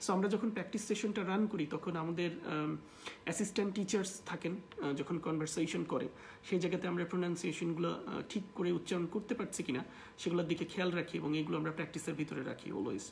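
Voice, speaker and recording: A teacher with a Bangladeshi accent running a live online class, explaining and then saying model words slowly for the viewers to repeat. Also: mid-range voice, vocal fry, slight background noise. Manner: slow, stretched model words between quicker explanations. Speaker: English pronunciation teacher.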